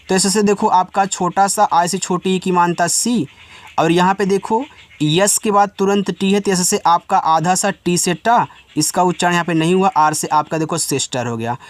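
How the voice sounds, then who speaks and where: High-voiced man teaching by spelling words aloud. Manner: spells out words letter by letter, then asks and answers himself; informal, addresses students directly. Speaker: English teacher. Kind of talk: spoken classroom lesson.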